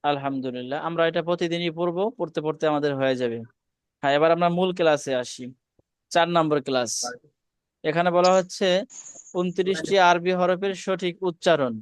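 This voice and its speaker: A man with a high, smooth and resonant voice teaches Arabic letter sounds over a video call. He speaks patiently, repeating each sound slowly so students can echo it. The sound is dry and close. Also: steady tone. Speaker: Quran teacher. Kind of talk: online class, pronunciation drill.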